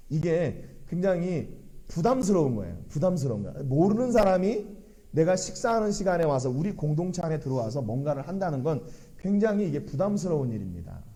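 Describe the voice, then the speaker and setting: A man's voice: a little high, warm tone. A middle-aged man preaching a sermon in a church, asking the congregation earnest rhetorical questions. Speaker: pastor.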